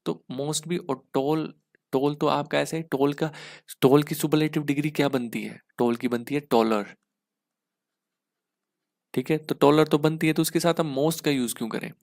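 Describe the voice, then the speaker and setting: A man's voice: on the high side, fairly even intonation, normal speed, gravelly, a little mellow, no room sound, studio quality. A man teaching an exam-prep English grammar lesson, explaining step by step and asking "ठीक है?" again and again.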